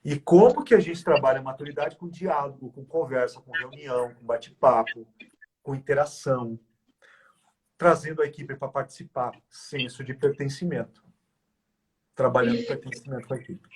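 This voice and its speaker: A man's voice: mid-range voice, moderate pace, slightly rough. A man speaking as a guest on a live chat, explaining in a didactic way, listing examples and asking rhetorical questions.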